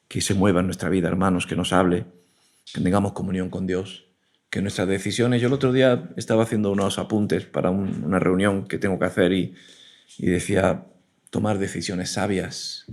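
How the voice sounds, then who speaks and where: Earnest low-voiced male preacher. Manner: earnest, frequent amens and restarts. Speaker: preacher and teacher. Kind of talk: sermon.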